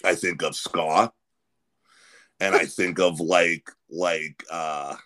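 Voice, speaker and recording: A man's voice: deep voice, steady tone, takes it slowly, sharp tone. A man, hosting a podcast in casual, rambling chat full of restarts. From Pennsylvania. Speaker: podcast host.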